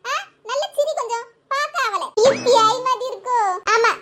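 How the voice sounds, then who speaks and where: A woman's voice: very high-pitched, moderate pace. A woman voicing a worried, chatty young village girl in a cartoon. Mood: fretful. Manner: fretful, teasing. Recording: loud background noise.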